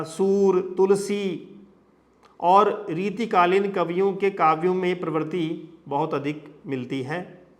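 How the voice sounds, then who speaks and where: A man teaching a lesson on sound change, explaining step by step through long lists of examples and frequent tag questions. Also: high-pitched. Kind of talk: lecture on phonetics.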